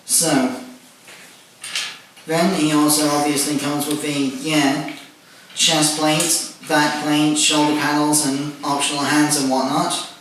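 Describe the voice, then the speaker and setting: This casual toy review walkthrough comes from a man whose fairly high voice stays flat, barely rising or falling, as he goes slowly through each feature and adds "and whatnot." He's well back from the mic, in a very echoey room with faint noise beneath him.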